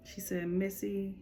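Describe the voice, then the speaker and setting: A woman giving a spiritual reading in a casual, informal way, relaying messages with a steady run of "she said". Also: mid-range voice, slight background noise. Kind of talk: casual channeling monologue.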